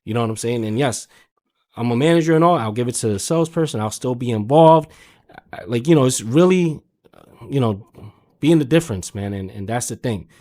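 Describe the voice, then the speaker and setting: A car sales manager appears as a podcast guest, telling stories casually in a mid-range, darkish voice that's brisk with lively intonation. He's slangy and emphatic, swears freely, and keeps dropping "man" and "you know".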